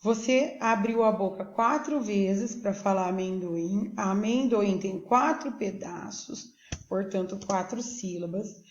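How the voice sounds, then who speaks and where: A woman teacher with a Brazilian Portuguese accent gives a recorded lesson for young pupils, explaining slowly and patiently and often checking that they follow. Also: mid-range voice, a little hiss or hum. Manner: slow, patient, checks in with "tá joia?". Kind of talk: recorded remote school lesson. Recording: echoey room, dull lo-fi sound.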